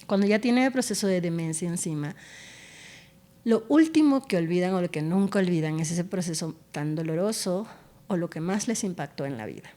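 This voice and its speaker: Speaking fairly quickly in a dark, fairly low voice with lively intonation, a woman neurologist takes part as guest in a conversational interview. She expressively offers explanations and tales from her patients.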